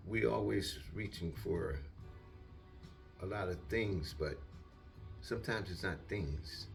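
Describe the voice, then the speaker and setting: Deep gravelly older man telling stories. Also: takes it slowly, pauses often, soft background music. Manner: rambling, animated, acts out quotes. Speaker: storyteller. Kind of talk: casual storytelling.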